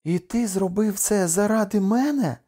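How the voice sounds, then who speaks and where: A man's voice: a little high, moderate pace, warm tone, pitched above the performer's own voice, close to an everyday voice. A man voicing a desperate young island wife. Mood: determined. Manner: pleading, raised, emotional delivery. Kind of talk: audiobook character reading.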